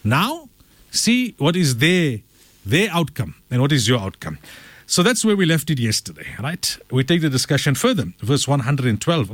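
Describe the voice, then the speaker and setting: A man teaching a Quran commentary class, reciting Arabic verses quickly and then explaining them in English with animated delivery. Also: fairly high pitch, no room sound.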